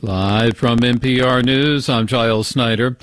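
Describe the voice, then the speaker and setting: A man's voice: mid-range voice, fairly even intonation, a little slow, fairly bright tone, dry recording. An American man reading a scripted radio newscast as the anchor, close on a studio microphone. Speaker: news anchor. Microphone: close studio microphone, dry.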